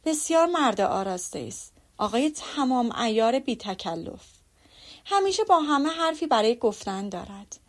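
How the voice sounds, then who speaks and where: A woman's voice: on the high side, very animated. A woman reading an audiobook, voicing a fussy, boastful middle-aged mother who gushes and prattles. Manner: gushing and prattling.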